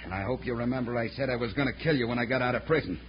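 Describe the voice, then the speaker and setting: A man's voice: medium pitch, racing, slight background noise, lightly acted. Menacing American gunslinger villain played by a man, vengeful, old radio western, dull recording. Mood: menacing, gloating. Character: vengeful, menacing outlaw gunman out of prison. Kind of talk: 1950s radio western acting.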